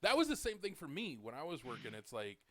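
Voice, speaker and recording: Here the same kind of speaker, a man in his late thirties hosting a laid-back podcast, spins loose stories stuffed with "like" and "dude." He talks quickly in a fairly high voice that swings hugely in pitch, recorded without room sound.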